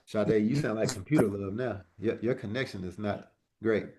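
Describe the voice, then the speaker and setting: A man's voice: fairly low pitch, moderate pace, warm tone. A man teaching a casual live trading class over a video call. He talks in a loose, joking way and often repeats words as he restarts a thought. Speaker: trading instructor.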